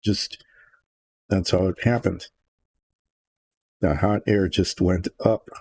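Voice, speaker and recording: An older man hosting a relaxed painting show, rambling and thinking aloud from his workshop as he works. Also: low-pitched, takes it slowly, slightly rough. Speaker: hobby painting host. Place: home workshop.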